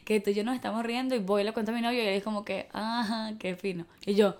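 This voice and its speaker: A woman's voice: mid-range voice, fast. A woman co-hosting a podcast in casual chat, telling stories and acting out quoted voices. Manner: animated storytelling, acts out quoted voices. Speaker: podcast co-host.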